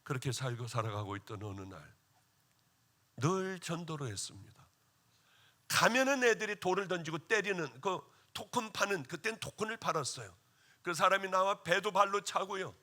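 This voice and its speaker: Bright, animated male pastor preaching. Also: sits high. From Korea. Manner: emotional storytelling testimony, swinging between loud exclaiming and hushed tones. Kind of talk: sermon at a revival meeting.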